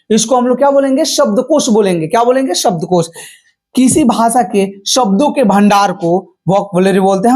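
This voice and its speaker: A man's voice: sits high, darkish tone. A man teaching English grammar in Hindi. He asks his viewers questions, answers them himself, and calls them friend. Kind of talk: classroom-style explanation in Hindi.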